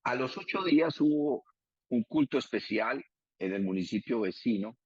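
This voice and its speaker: A middle-aged man with a Colombian Antioquia accent, telling his conversion story in an emotional, emphatic way and slowing down at key moments. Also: mid-range voice, lively intonation, a little mellow, husky. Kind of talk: personal testimony, conversational storytelling. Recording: dull lo-fi sound.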